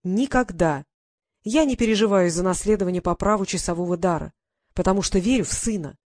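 Audiobook: woman reading a cool, ironic male lord who schemes; dry, mocking delivery, lowish voice. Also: fairly quick, a little mellow, dry recording, close to an everyday voice.

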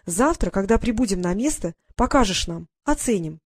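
A woman voicing a bossy, lively young fairy girl in an audiobook, with a brisk manner. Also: mid-range voice, dry recording, studio quality.

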